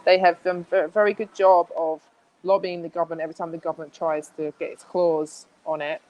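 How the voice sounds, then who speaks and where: A woman's voice: fairly low pitch, level tone, fairly quick, lo-fi sound. A woman speaking as a guest in a casual interview, chatty, with many restarts and fillers.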